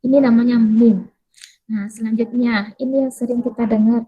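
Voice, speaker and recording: A woman teaching an English pronunciation lesson in a casual, chatty way, asking questions and then answering them herself while repeating words slowly. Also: a little high, steady tone, husky, phone-quality sound.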